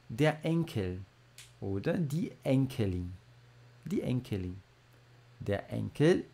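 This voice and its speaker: Male teacher, unhurried, gravelly voice, casual classroom delivery. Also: medium pitch, darkish tone. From Brazil. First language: Portuguese. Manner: slow, drawn-out model pronunciation with chatty asides. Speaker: German teacher. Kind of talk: casual language lesson.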